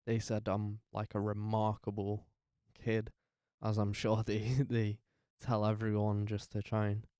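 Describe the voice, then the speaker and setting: A tired young man, telling his life story to camera in a halting way, full of fillers and restarts. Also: fairly low pitch, completely flat delivery, mellow, clear, resonant tone, no echo, studio quality. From North West England. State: tired, up very early. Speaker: vlogger.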